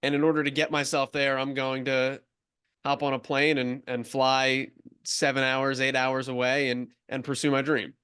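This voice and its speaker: A man's voice: mid-range voice, flat delivery, normal speed, bright, forceful tone, smooth. A man hosting a sports podcast, asking questions in a conversational way with some fillers. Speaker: podcast host. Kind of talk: interview questions.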